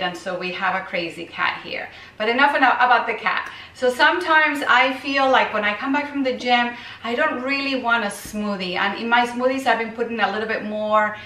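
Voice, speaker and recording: Casting: bright, chatty woman, home recipe vlog, echoey kitchen with the mic set back. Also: a little high, recorded from a distance. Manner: chatty, rambling. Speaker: raw vegan recipe vlogger. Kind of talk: casual kitchen demo.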